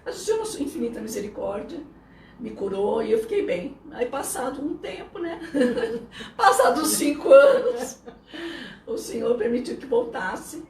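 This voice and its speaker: A middle-aged Brazilian woman with a slightly high, gravelly voice that stays rough after vocal cord damage. She tells her story in an animated way, laughing often and dotting it with tag questions. She sounds roomy and set back from the mic, over a faint hiss. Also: moderate pace, recorded from a distance. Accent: Brazilian Portuguese. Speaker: pastor, interview guest. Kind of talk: casual testimony in conversation.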